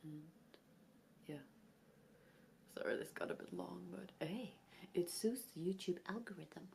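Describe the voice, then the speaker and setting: Low, gravelly-voiced young woman rambling. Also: unhurried, a little mellow, a little hiss or hum. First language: not English. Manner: rambling, giggly, self-deprecating. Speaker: vlogger. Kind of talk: casual chat to camera. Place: home, sitting at a low table.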